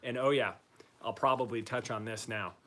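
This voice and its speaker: A man talking informally and upbeat in a casual video diary, using relaxed slang as he gives a personal recovery update. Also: medium pitch, normal speed. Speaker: patient giving a recovery update.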